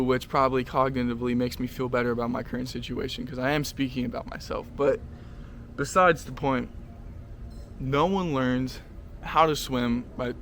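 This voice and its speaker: A man's voice: medium pitch, a little hiss or hum. A young man vlogging a casual motivational monologue, rambling with lots of fillers, restarts and swearing.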